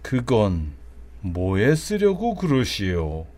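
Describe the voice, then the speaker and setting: A man's voice: fairly low pitch, huge pitch swings, slow, darkish tone, no room sound, full character voice. An actor playing a grave, courteous king with formal archaic speech in an audio drama. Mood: earnest, wistful. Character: grave, courteous human king confiding his troubles.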